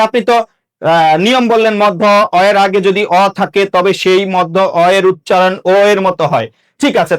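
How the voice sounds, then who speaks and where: A young man teaching an exam-prep grammar lesson, repeating points and asking and answering his own questions. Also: high-pitched.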